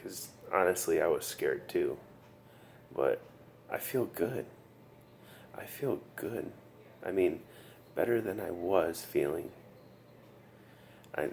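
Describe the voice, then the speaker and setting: Man, post-surgery patient doing a casual video diary. Weary, earnest, very slow delivery with fry, faint background noise. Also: extremely low pitch, a little mellow. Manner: earnest, halting, repeats himself. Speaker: patient sharing his recovery story. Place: hospital room. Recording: noticeable background room noise.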